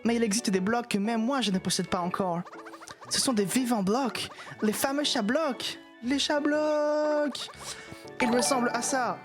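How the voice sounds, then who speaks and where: A woman's voice: medium pitch, normal speed, soft background music, lightly acted. A woman doing a posh franglais block collector. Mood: dreamy, pleading. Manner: French mixed with English words, mock posh. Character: snooty male block collector, impatient boss of Bowser's world. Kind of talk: reading game dialogue aloud in voices.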